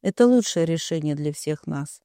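Uneasy, coaxing mother, read by a man; gentle, high voice. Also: lively intonation, moderate pace, clear, resonant tone, no echo, studio quality. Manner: soft and coaxing. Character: uncertain, placating middle-aged mother.

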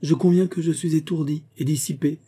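Haughty, defiant schoolgirl, as voiced by a man reading a novel aloud, raised and husky. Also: fairly high pitch, steady tone, brisk, warm tone, voice pushed up. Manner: haughty, insistent. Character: proud bold young schoolgirl, defiant and quick.

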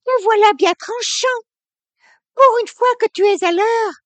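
A woman reading an audiobook, voicing a sharp-tongued young wife who shouts in a high, strained voice. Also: measured pace. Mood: tense.

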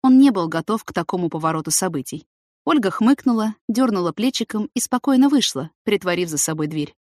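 A woman narrating a novel in a steady, even reading voice. Her voice sits at a middle pitch. The studio recording is dry and close, with no room sound. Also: a little fast, dry recording. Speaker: audiobook narrator. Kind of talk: scripted narration.

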